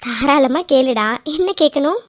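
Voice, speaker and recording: A woman voicing an affectionate elderly grandmother in an animated serial, coaxing and reassuring, often ending lines with little tag questions. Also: sits high, unhurried.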